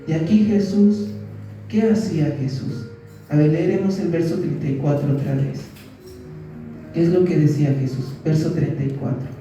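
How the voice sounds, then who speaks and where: A man's voice: a little high, moderate pace, dark tone, muffled recording, soft background music. A male pastor preaching a sermon in a church, asking his listeners questions and acting out what people said. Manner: preaching with rhetorical questions and acted quotes. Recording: very echoey church hall, mic at a distance.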